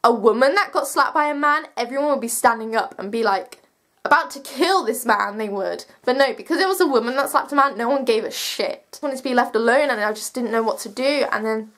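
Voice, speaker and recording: A young woman of seventeen with a high-pitched voice tells a personal story to camera. Her delivery is casual and animated, full of slang and emphatic swearing. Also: fairly quick. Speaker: vlogger telling a personal story.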